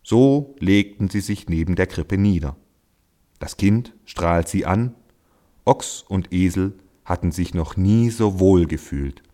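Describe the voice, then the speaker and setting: A man reading a Christmas devotional story aloud in a calm, measured way, slowing down for quotations. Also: low voice. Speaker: reader.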